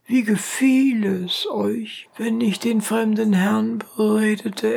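A woman voicing a persuasive noblewoman who coaxes her guests, with a slightly raised, husky voice. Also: medium pitch, darkish tone, pitched above the performer's own voice, full character voice. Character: lively persuasive noblewoman hostess.

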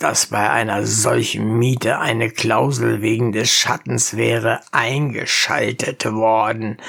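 A woman narrating a classic tale in a measured, deliberate audiobook reading. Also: very deep voice, gravelly, a bit bright, slightly rough.

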